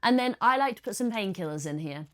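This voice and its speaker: A woman's voice: mid-range voice, lively intonation, fast talker. A woman, talking through her triathlon kit in a casual how-to vlog, chatty and practical. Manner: chatty, practical, explains step by step. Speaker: triathlete vlogger.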